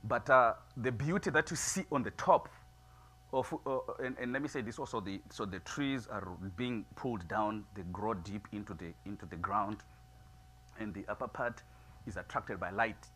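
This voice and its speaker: A middle-aged man preaching a sermon in a small church, moving from quiet musing to loud, emphatic preaching. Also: fairly low pitch, moderate pace, a little hiss or hum. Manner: builds from soft musing to loud preaching, gestures widely. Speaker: pastor. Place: small church sanctuary, seated before altar flowers.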